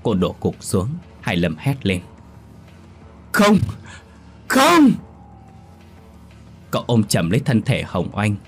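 Man narrating a ghost story, low voice. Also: moderate pace, few pauses, slightly rough. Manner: steady storytelling, solemn. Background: faint music.

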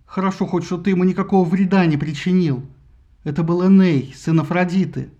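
A fussy divine mother nags and scolds in a raised, loud voice, as a man puts her on in a storybook reading. She turns syrupy and fawning toward her betters. The recording sounds dull and lo-fi. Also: sits high, brisk, close to an everyday voice. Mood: scolding. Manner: scolding shrilly, fawning to superiors.

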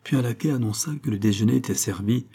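A man narrating a classic novel as an audiobook, with an even storytelling delivery. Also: medium pitch, fast, husky. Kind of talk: scripted narration.

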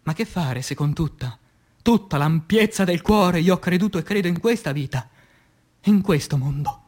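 A stage actor plays an anguished, passionate revolutionary poet in a declamatory radio theatre recitation, his mood fervent. His voice is on the high side and expressive, with dramatic pauses and swings between hushed and loud delivery.

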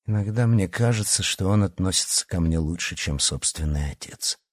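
A man's voice: sits low, moderate pace, no room sound, clean studio sound. A man voicing an easygoing teenage boy in an audiobook. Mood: relaxed. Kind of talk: audiobook character voice.

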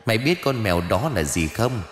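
A man's voice: fairly low pitch, big pitch swings, brisk, reverberant, long reverb tail. A man doing a pompous old ghost sorcerer. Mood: instructive. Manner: gruff, scolding, boastful. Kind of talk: audiobook character voice.

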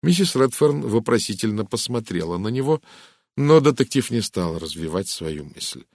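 A man narrating a classic detective audiobook in a calm, measured storytelling manner. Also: fairly low pitch, no room sound, clean studio sound. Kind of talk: scripted narration.

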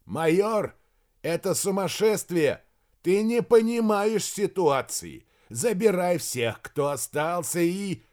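A man voicing a gruff, exasperated army colonel who shouts insistently. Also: high voice, expressive, slow, pitched above the performer's own voice.

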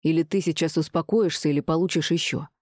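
A woman voicing a middle-aged father who speaks gruffly and harshly to his son, close to her own low voice. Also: fairly even intonation, fast talker, darkish tone, dry recording. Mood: angry. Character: middle-aged surgeon father, angry then remorseful.

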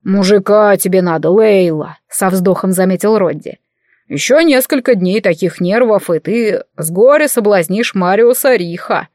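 A woman's voice: medium pitch, normal speed, darkish tone, no room sound, studio quality, lightly acted. A woman voicing a cheeky, fussing male familiar who is a small walking cabinet, in an audiobook. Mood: teasing.

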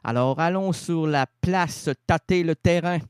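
A man's voice: on the high side, a little slow, smooth. A man with a Quebec French accent hosting a comic radio show, rambling through puns and sudden vocal swings. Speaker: radio host. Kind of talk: absurd comic radio monologue with wordplay. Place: radio studio.

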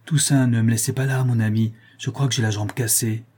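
A man's voice: medium pitch, fairly even intonation, a little fast, a little mellow, husky, natural voice. A man voicing an injured man who pleads weakly and stammers. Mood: pained.

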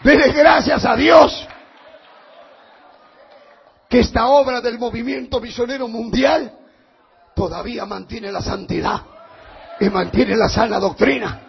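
A man preaching a fiery sermon as pastor, shouting his points with emphatic force. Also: extremely high pitch, a little slow, gravelly, long pauses, slightly rough, muffled recording, a faint crowd.

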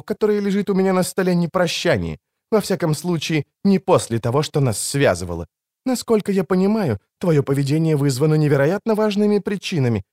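A man voicing a proud, scorned sorceress in an audiobook reading, with biting sarcasm that softens into pleading. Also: a little high, no echo, clean studio sound, voice pushed up.

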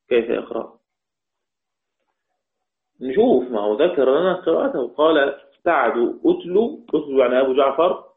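A man teaching Quran recitation, explaining step by step and quizzing his students. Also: mid-range voice. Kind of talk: online class explanation. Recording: tinny phone-like line, echoey room.

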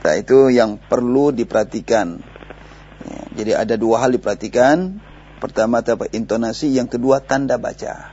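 A man with an Indonesian accent teaches Arabic grammar in a recorded lesson, patiently explaining and quizzing his student step by step. His mid-range voice is mellow and moderately paced, heard through a dull lo-fi radio broadcast with faint hiss.

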